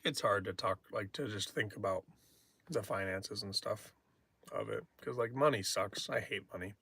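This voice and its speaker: A man's voice: on the low side, moderate pace, creaky, sharp tone, breathy edge. A young man on a livestream, talking candidly and reflectively in a casual way, often trailing off and restarting his sentences. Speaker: poetry livestreamer.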